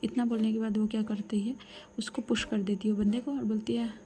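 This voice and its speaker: A young adult woman telling a serialized love story in a soft, breathy, half-whispered voice, with casual asides to the listener. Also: on the high side, level tone, fairly quick, a little hiss or hum. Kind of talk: hushed serialized story narration.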